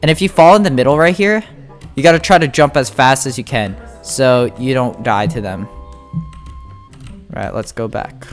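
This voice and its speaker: A game guide host walks viewers through play in a medium-pitched voice, with music running behind him. The casual tutorial commentary comes out informal and halting, as if he's thinking aloud while playing.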